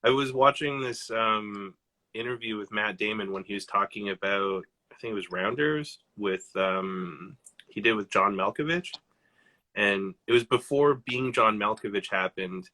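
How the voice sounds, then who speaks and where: A man hosting a casual live-stream chat, excitable and swearing freely as he acts out quotes. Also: lowish voice, unhurried. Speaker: host.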